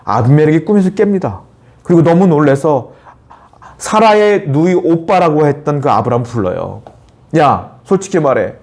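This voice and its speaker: A middle-aged man delivering a church sermon in a slightly high-pitched voice. He keeps tossing rhetorical questions to the congregation and slips into acted dialogue to bring the scripture scenes to life. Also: very animated, moderate pace, darkish tone. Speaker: pastor.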